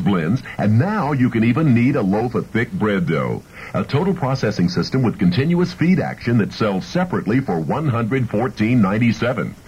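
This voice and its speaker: A man reading a radio commercial in an upbeat sales pitch, heard through a car radio speaker. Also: a little mellow, breathy edge. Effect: played through a car radio speaker. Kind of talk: scripted radio commercial read. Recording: dull lo-fi car radio with faint hiss.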